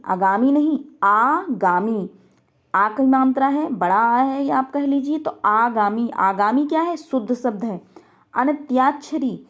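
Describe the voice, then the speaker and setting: A woman teaching a grammar lesson, posing questions and answering them herself, repeating key words slowly. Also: on the high side.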